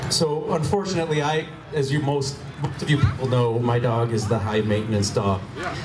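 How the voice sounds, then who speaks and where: A man who handles police dogs, delivering deadpan comic banter at a live demonstration. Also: medium pitch, moderate pace. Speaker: state police canine handler. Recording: echoey PA with loud background noise.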